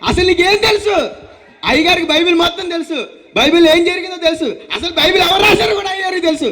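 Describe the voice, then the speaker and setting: A man doing a shrill, fawning secretary. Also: racing, slight background noise. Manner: sycophantic, shouting. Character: fawning shouty male sidekick secretary. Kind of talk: church skit acting.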